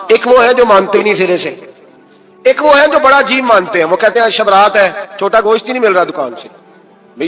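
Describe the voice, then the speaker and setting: A man's voice: sits high, bright, forceful tone. A man preaching an impassioned sermon, firing rhetorical questions at his listeners and alternating between scolding and pleading. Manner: fires rhetorical questions at the audience. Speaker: Islamic preacher.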